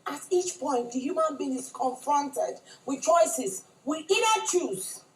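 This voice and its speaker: A woman's voice: high voice, expressive, slow pace, roomy sound, recorded from a distance, poor audio. A woman, a lawyer guest on a talk show, speaking in a reflective, persuasive way. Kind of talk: studio interview answers.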